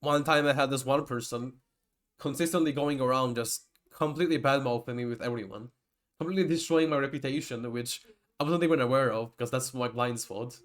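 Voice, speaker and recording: Brisk and mid-range in voice, a young native Georgian speaker lectures on typology in a loose, rambling way, often restarting and wandering into digressions.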